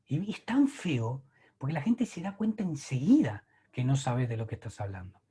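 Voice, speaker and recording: A man's voice: mid-range voice, sing-song, normal speed, dark tone, husky. A man with an Argentine accent, a catechist giving an emphatic preaching talk full of rhetorical questions. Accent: Argentine Spanish. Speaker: catechist leading a church workshop.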